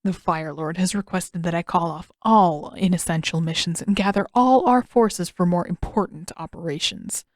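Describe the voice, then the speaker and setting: A woman's voice: fairly low pitch, moderate pace, few pauses, no room sound, clean studio sound, lightly acted. A woman voicing a smug, sarcastic male naval admiral in a fan audiobook reading, with a mocking edge.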